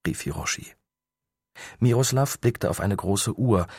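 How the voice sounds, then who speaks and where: A man narrates a novel in calm, measured storytelling. His voice is low and slightly husky, recorded dry and close to the mic. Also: no echo. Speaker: audiobook narrator. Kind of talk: scripted narration.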